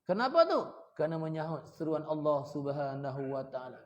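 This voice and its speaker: A man preaching a mosque sermon to a congregation. He keeps asking his listeners questions and breaks into sudden loud, high outbursts. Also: animated, fairly quick, dull audio.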